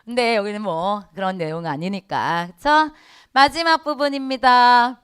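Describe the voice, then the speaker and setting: A middle-aged woman teaching a Korean exam prep lecture, lively, asking the class questions and answering them herself. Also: a little high, moderate pace, clear, resonant tone. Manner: acts out quoted dialogue in voices. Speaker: Korean language exam instructor. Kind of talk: online lecture.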